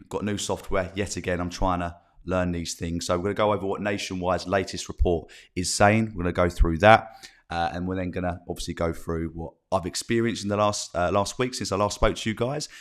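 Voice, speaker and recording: Low-voiced Essex man. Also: fairly even intonation, fairly quick. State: slight cold in the voice. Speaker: live stream host, property agent. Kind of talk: informal live news bulletin with chat to viewers.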